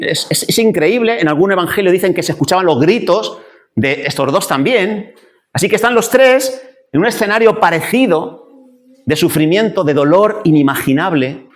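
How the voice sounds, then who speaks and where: Pastor guy, fairly high voice, preaching lively in church, acts out wailing bits. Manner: animated preaching, acting out wailing complaints. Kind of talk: sermon.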